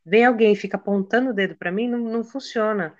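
A woman's voice: medium pitch, fast, highs cut off. A woman co-hosting a casual podcast, reflecting aloud and quoting her own words. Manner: reflective, animated storytelling with quoted self-talk. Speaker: podcast co-host. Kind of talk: casual chat.

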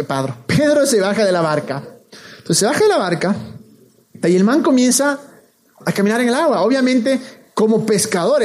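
Slangy, high-voiced preacher man. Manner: slangy, animated storytelling with acted quotes. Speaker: youth pastor. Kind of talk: casual sermon.

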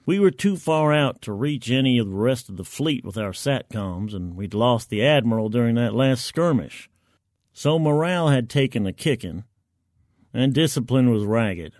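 A man performs a first-person military science fiction story in a medium-pitched voice, with the colloquial, wry, gritty delivery of a soldier. His intonation is lively, his pace moderate and his tone darkish. The recording is very dry, with no room sound at all.

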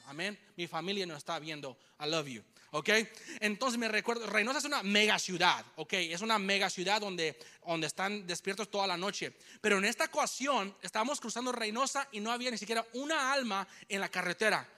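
A young man preaching a sermon to a congregation, telling a personal story with animated delivery and English phrases mixed in. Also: sits high. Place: church hall with congregation.

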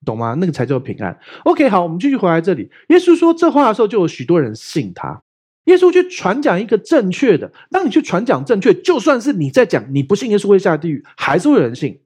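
A man's voice: high voice, quick pace, breathy edge. A middle-aged male pastor, preaching in a chatty sermon style and often asking if listeners follow. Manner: chatty, asks "you know what I mean?" often; animated, swings between loud and soft.

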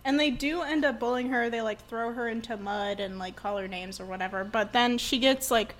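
A young woman lays out her reading of a book in a measured, explanatory tone. Her voice is fairly high, and a faint noise sits behind her. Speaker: book discussion participant. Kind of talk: casual chat.

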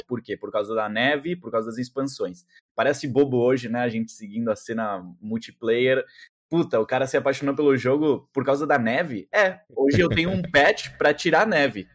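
Argentine guy, spanish native, 30s, rambling casual chat with fillers and slang. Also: medium pitch. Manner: chatty, lots of slang and repeated fillers. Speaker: interview guest, streamer.

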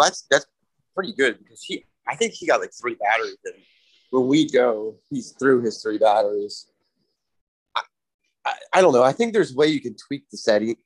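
A man who is a guest on a podcast, telling stories in an easygoing, joking way with halting restarts. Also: mid-range voice, dry recording, poor audio. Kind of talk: casual podcast chat.

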